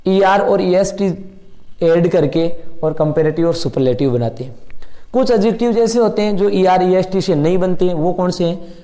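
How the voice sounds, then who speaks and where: A man's voice: high-pitched, moderate pace, dark tone. A middle-aged man teaching an English grammar lesson in Hindi, explaining step by step and asking and answering his own questions.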